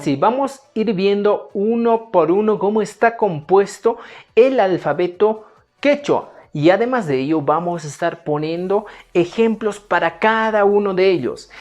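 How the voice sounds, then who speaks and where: A woman teaching a Quechua lesson, slowly pronouncing example words and repeating them in drills. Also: medium pitch, darkish tone, highs cut off. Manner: slow, careful enunciation of example words. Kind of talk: language lesson, slow repetition drills.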